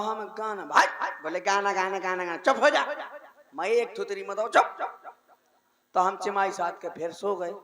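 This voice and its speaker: High-voiced Bundeli comic on stage. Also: male voice. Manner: animated, acts out voices, gets shouty. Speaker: comic performer. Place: outdoor stage show with crowd.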